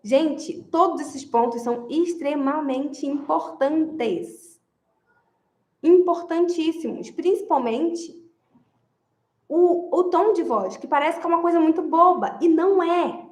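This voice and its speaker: Emphatic high-voiced woman. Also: slow, a little mellow, echoey room. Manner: emphatic, repeats key phrases, addresses viewers directly. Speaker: marriage advice speaker. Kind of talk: direct-to-camera advice talk.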